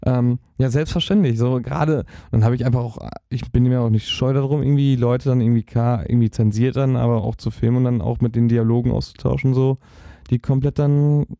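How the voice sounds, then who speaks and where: A man's voice: mid-range voice, fairly even intonation, fairly quick, creaky, mellow, no room sound, studio quality. A young man, a hobby DJ from Germany, chatting as a podcast guest, rambling and searching for words. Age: young adult. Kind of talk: casual podcast interview.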